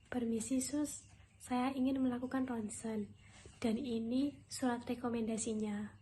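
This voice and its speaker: A timid, obedient young patient played by a woman in a scripted role-play. The voice is mellow and even, with faint noise behind. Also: fairly high pitch, measured pace, natural voice. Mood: polite, obedient.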